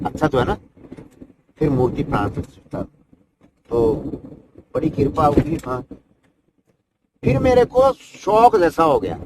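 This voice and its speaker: Older male yogi, raised pitch, casual rambling anecdotes, noisy background recording. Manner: rambling, folksy, tag questions like "isn't it". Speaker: Himalayan yogi. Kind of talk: conversational life-story telling.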